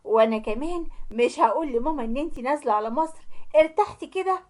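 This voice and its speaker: Soothing young Egyptian husband read by a woman, high-pitched and placating. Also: animated, fast talker. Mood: calm reassuring. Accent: Egyptian Arabic. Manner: soft, reassuring and placating.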